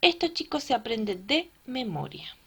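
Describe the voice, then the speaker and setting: A woman teacher gives a recorded lesson at a slow, unhurried pace. Her voice sits a little high, and she explains each point step by step, checking in with quick tag questions as she goes. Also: very animated, gravelly, bright, forceful tone, husky.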